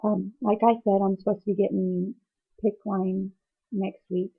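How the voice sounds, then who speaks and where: A woman's voice: medium pitch, flat delivery, moderate pace, vocal fry, slightly rough, phone-quality sound. A woman speaking hesitantly in a personal video diary, teary and emotional as if after crying, searching for her words. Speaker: patient vlogger.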